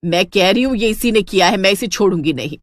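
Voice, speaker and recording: A woman's voice: medium pitch, lively intonation, quick pace, no echo, studio quality, lightly acted. Female narrator playing a fierce middle-aged cartoon mother-in-law, bossy, scolding delivery. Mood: furious.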